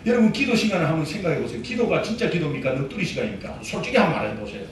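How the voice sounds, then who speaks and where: A male pastor preaching a sermon to a congregation, animated and acting out pep talks to himself, recorded in a church sanctuary. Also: a little high, rapid-fire, slight background noise. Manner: animated preaching, acts out self-talk, calls out to the congregation. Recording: echoey church hall, mic at a distance.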